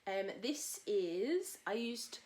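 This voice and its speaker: A woman hosting a casual knitting podcast from home, a little husky from a cold, chatting in a rambling way with many fillers. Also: mid-range voice, sing-song, slow, noisy background. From England. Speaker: podcast host. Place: at home in a tiny house. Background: cockatoos calling outside.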